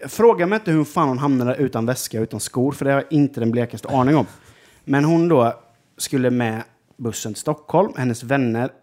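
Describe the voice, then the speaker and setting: A man's voice: mid-range voice, hardly any pauses, darkish tone. A young man telling a rambling story in casual chat, full of fillers and swearing. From Jönköping, Sweden.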